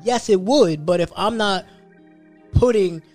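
With soft music in the background, a high-pitched, slightly mellow man in his thirties speaks at a measured pace as a podcast host. He tells casual, profane stories about his work and the goals he's chasing.

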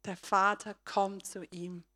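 Woman preaching with swinging loudness. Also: medium pitch, little pitch movement, slow pace. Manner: talks straight to the listeners, loudness swinging from soft to strong; retells a story with acted voices. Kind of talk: sermon.

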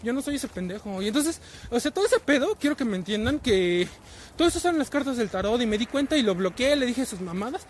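Riding in a vehicle, this twenty-something man with a Mexican Spanish accent speaks quickly in a very high, expressive voice, with a bit of hiss or hum. His storytelling is a loose, foul-mouthed rant full of slang, and "güey" fills the gap after nearly every phrase.

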